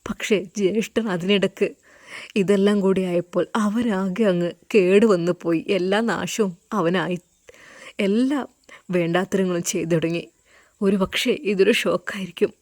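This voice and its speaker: A woman voicing a kind young man who speaks gently and soothingly in a told story. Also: mid-range voice, moderate pace, no echo, studio quality, close to an everyday voice. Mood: gentle.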